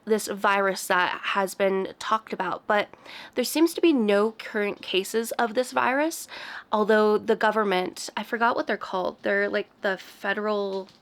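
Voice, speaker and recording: A woman's voice: medium pitch, measured pace, fairly bright tone. A young woman chatting casually about books she read, her voice a little off from a cold, rambling and laughing lightly. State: has a cold, voice a bit off. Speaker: book vlogger. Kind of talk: casual book review chat.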